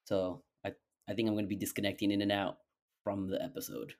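A man's voice: fairly low pitch, little pitch movement, quick pace, darkish tone. A man co-hosting a podcast in casual, joking banter, on his own microphone. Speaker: podcast co-host. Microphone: own microphone, joining remotely by call.

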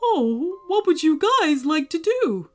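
Woman doing a very high, squeaky Mickey Mouse voice. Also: big pitch swings, slow pace, faint music behind, exaggerated voice. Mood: curious, hesitant. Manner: folksy, gushing, wholesome. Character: cheerful, kindly cartoon mouse theme-park mascot, male. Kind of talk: children's storybook character voice.

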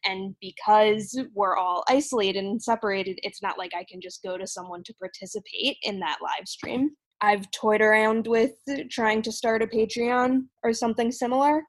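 A woman's voice: mid-range voice, dry recording, low-quality recording. Earnest woman on a video call. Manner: soft-spoken, earnest, gets emotional. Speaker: session drummer at a virtual meetup. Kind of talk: casual sharing at an online group call. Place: apartment.

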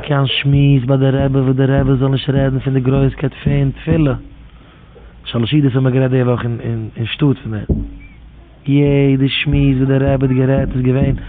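A man tells loose, wandering religious stories, circling back to the same phrases again and again in a near chant. His voice sits at an ordinary middle pitch. The sound is thin and phone-like, with a faint hiss underneath. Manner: rambling, repetitive, chant-like phrasing. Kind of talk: informal religious storytelling. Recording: tinny phone-like audio with faint noise.

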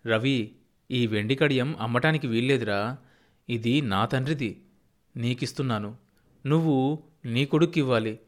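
A man voicing a proud, stubborn old farmer grandfather who speaks in a gruff, folksy village way. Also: medium pitch, normal speed, long pauses, natural voice. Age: older.

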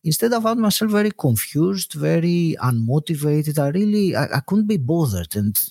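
A man in his forties from Greece with a softened Greek accent, a podcast guest talking reflectively with many pauses. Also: on the high side, very animated, gravelly, slightly rough, no echo, studio quality. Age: 40s. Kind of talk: podcast interview.

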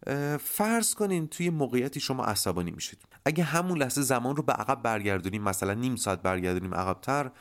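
A man hosting a podcast, explaining ideas to listeners in an animated monologue and addressing them directly. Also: mid-range voice, few pauses. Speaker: podcast host.

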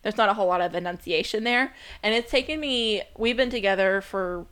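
A woman's voice: medium pitch, fairly quick, a bit bright, smooth. A woman co-hosting a podcast, chatting casually and laughing easily. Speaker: podcast co-host. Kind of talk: casual chat.

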